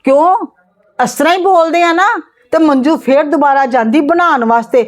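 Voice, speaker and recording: A woman's voice: sits high, moderate pace, lightly acted. A woman playing an overworked daughter-in-law who lectures and complains at her husband's sister in a family skit. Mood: indignant. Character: overworked, fed-up young wife arguing with her in-laws.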